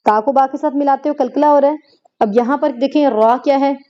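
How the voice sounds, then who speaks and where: A woman teaching Quran recitation, reciting verses slowly and then explaining each rule, repeating words for practice. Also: high-pitched, dull audio. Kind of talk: tajweed lesson, slow recitation with explanations.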